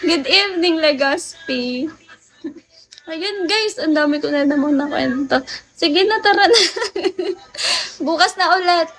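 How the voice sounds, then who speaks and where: A woman's voice: extremely high pitch, takes it slowly, long pauses, a bit bright. A woman from the Philippines chatting casually with viewers on a late-night phone livestream, telling stories and laughing often.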